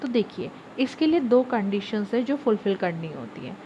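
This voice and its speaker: A woman's voice: mid-range voice, big pitch swings, normal speed, dark tone. A young woman giving a law lecture to her viewers, explaining step by step and switching between Hindi and English legal terms. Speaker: law teacher. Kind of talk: online lecture. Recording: slightly dull audio with faint background noise.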